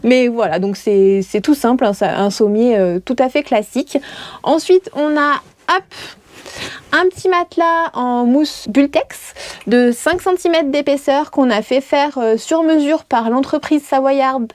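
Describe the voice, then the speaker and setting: A woman in her thirties gives a casual show-and-tell video tour of a small wood-lined van, chatty and joking, with lots of hesitations. She's a vlog host with a high voice, talking a little slowly in a dry recording.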